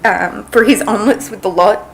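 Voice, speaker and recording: Young woman, family eulogist, gentle emotional reading, mid-pitched voice, slight hiss. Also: creaky, rough recording. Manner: slow, tender, emotional. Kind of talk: read eulogy at a funeral. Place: funeral service venue.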